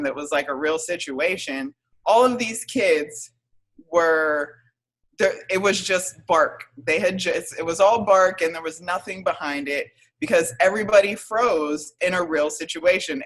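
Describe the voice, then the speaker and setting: A woman in her thirties, a podcast guest telling her own story in a hesitant, reflective way with many pauses and fillers. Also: low-pitched, fairly bright tone, low-quality recording. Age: 30s. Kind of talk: casual interview storytelling.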